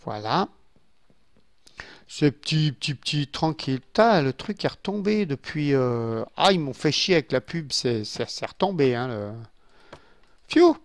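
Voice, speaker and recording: A man's voice: on the high side, animated, moderate pace, no echo, clean studio sound. A man giving casual let's-play commentary from his home computer, chatting and muttering asides to his viewers as he builds. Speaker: gaming YouTuber. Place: home room with a glass desk.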